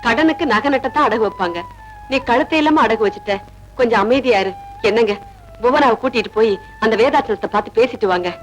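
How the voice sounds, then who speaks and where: A woman's voice: fairly high pitch, fairly quick, natural voice, poor audio. An actress playing a worried, consoling relative who soothes a crying young woman. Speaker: concerned relative. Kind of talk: 1980s Tamil film acting. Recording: film soundtrack with music behind.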